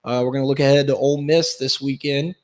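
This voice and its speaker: A man hosting a casual sports podcast, upbeat and talking in quick bursts. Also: medium pitch, steady tone, darkish tone. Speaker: podcast host.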